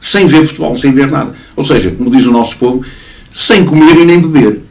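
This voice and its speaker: Man, TV football pundit, animated and repetitive, mid pitch. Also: brisk, gravelly. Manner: animated, emphatic, repeats and restarts words. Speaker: sports commentator. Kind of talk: casual studio chat. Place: local TV studio.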